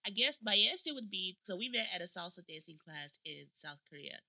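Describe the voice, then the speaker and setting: A young woman co-hosting a podcast, telling stories in a giggly, animated way. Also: fairly low pitch, a little fast, no room sound, poor audio. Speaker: podcast co-host. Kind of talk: casual chat. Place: South Korea.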